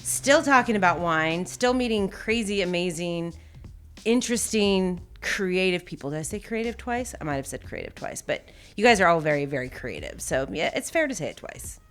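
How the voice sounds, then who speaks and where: A woman's voice: fairly low pitch, sing-song, moderate pace, a bit bright, soft background music. A woman hosting a podcast, chatting casually in a bubbly, joking, self-deprecating way. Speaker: podcast host. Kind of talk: casual interview chat.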